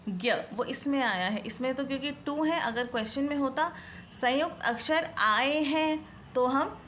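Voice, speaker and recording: A high-voiced woman explains a children's Hindi worksheet, stretching each syllable slowly and asking the viewer what each picture shows. She mixes English words into her Hindi, with a faint hiss behind her. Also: fairly bright tone. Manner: slow, drawn-out syllables when sounding out words, questions to the viewer. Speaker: Hindi tutor.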